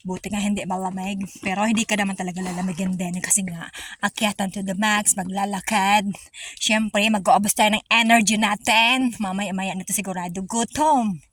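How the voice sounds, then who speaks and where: A woman's voice: medium pitch, fairly even intonation, moderate pace, a bit bright, no echo, clean studio sound. A woman from the Philippines, out of breath from climbing, chatting to viewers as she films a travel vlog on an outdoor hiking trail. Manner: chatty, narrating to viewers while walking. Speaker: vlogger. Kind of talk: casual travel vlog narration.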